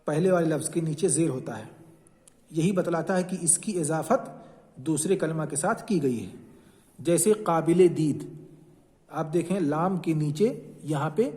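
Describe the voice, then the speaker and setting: A man's voice: a little high, dark tone, big-room sound. A man teaching a grammar lesson, explaining patiently and repeating each example as he points to the text. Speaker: Urdu teacher.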